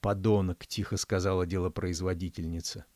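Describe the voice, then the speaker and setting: A male author reads his own fairy-tale novella in a measured, even storytelling voice. His voice sits at a middle pitch. The recording is dry and close, with no room echo. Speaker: author reading his audiobook. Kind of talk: audiobook narration.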